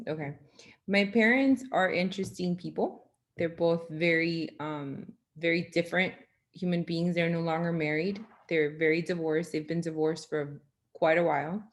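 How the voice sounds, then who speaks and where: A woman answers an impromptu question on a video call, frank and thinking aloud with many pauses. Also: on the low side. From United States, Cuban parents.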